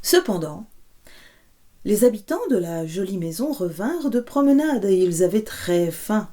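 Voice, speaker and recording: A woman storyteller reading a fairy tale aloud in an expressive, playful way. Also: mid-range voice, a little slow.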